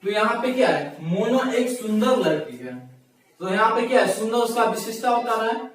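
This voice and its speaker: A man's voice: high voice, lively intonation, normal speed. A man teaching a grammar lesson, explaining patiently, repeating key words and asking himself rhetorical questions. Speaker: English teacher. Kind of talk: classroom-style grammar lesson. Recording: echoey room, mic far from speaker.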